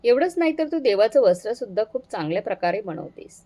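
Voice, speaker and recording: A woman voicing a kind husband who gently reassures his wife in a storybook reading. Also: mid-range voice, sing-song, quick pace. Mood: reassuring.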